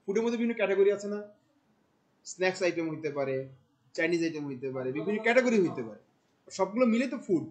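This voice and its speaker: A man, teaching a class. He talks in a colloquial, animated way, firing questions at the students. He drops English terms into his explanations. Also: high-pitched, racing, pauses often, low-quality recording. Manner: questions the class often, mixing in English words. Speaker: marketing instructor. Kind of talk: classroom lecture.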